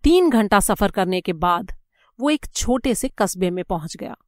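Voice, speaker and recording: A woman reading a story aloud as an audiobook narrator, with measured, expressive storytelling. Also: medium pitch, no room sound, studio quality.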